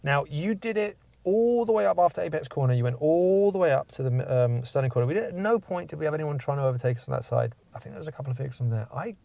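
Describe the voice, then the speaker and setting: A man's voice: a little high, fast talker, creaky, hardly any pauses, mellow, dry recording. A man, a driving instructor giving feedback after a mock test, explaining step by step and asking leading questions.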